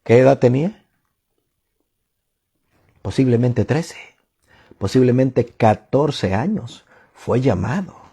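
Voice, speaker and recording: A man preaching a sermon in a slow, emphatic way, often asking rhetorical questions and answering them himself. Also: mid-range voice, lively intonation, gravelly, mellow, slightly rough.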